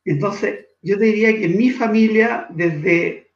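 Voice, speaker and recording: A man from Chile, a guest in an interview, speaking in an earnest, measured way that slows for emphasis. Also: sits high, echoey room, muffled recording. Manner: earnest, measured, shifts between slow emphasis and quick asides. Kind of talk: reflective interview talk.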